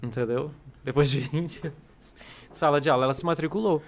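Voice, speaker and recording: A man's voice: a little high, fairly quick, slight background noise. A Brazilian man, an English teacher and coordinator, chatting casually and acting out little stories with quoted dialogue. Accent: Brazilian Portuguese. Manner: animated storyteller, acts out quoted dialogue. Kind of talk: casual podcast chat.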